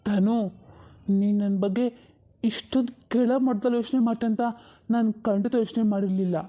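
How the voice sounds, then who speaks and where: A woman voicing a young husband in an animated drama, earnest and defensive. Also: on the high side, a little fast, close to an everyday voice. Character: young husband, gentle and pleading.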